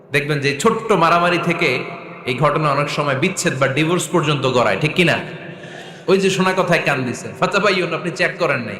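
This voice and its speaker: A man's voice: on the high side, bright, forceful tone. A man preaching a sermon to a large crowd, impassioned, calling out for the crowd's answers and chanting scripture in a melodic recitation. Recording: echoey public-address sound with long reverb.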